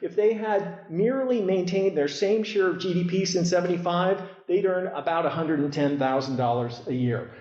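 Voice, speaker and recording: A man giving an emphatic talk at a conference, often repeating words as he starts, heard through a low-quality live stream recording from a hall. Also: normal speed, few pauses, darkish tone. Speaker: conference speaker. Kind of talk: public speech at a conference. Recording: echoey, muffled hall recording.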